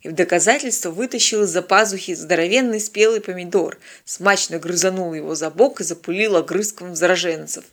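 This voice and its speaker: Woman reading a sci-fi story aloud, steady and even. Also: on the low side, a little fast, few pauses. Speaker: audiobook narrator. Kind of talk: scripted narration.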